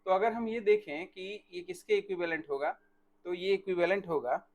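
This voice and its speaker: High-voiced man teaching an online class. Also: darkish tone. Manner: questions students by name, dictates answers slowly. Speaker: botany teacher. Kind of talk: live online class lecture.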